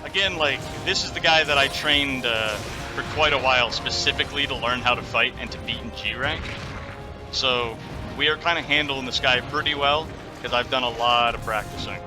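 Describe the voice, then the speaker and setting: A man's voice: mid-range voice, normal speed, rough recording. Man doing casual gaming commentary over music. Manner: frequent casual swearing, opinionated. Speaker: gaming video host. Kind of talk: casual game commentary over live play.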